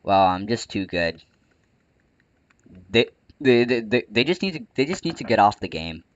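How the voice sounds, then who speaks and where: A man's voice: lowish voice, sing-song, normal speed, no echo, highs cut off. A man with the hiccups, chatting casually over gameplay, with a bit of playful trash talk. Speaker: gaming channel host. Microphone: close desk microphone.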